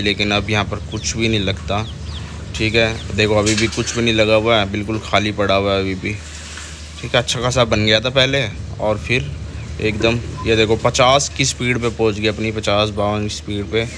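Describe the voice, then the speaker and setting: A young vlogger narrates a casual motovlog while riding a motorbike on city roads, chatting and pointing things out to viewers in a slightly bright, lowish voice. A helmet or chest camera mic picks up wind, engine and traffic noise.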